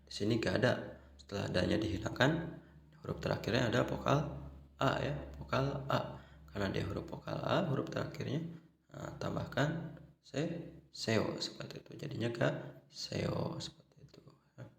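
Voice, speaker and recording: A man's voice: medium pitch, normal speed, vocal fry, long pauses, reverberant. A man explaining grammar patiently, step by step, as a language teacher, with a constant "ya" and "nah". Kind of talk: explanatory online lesson.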